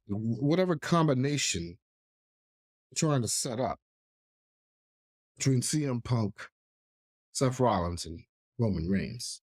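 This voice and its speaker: A congested man who is clearly under the weather hosts a solo wrestling podcast, and a cold leaves his medium-pitched, slightly mellow voice nasal and stuffy. He delivers emphatic, opinionated takes and clears his throat, all in a dry, clean studio recording.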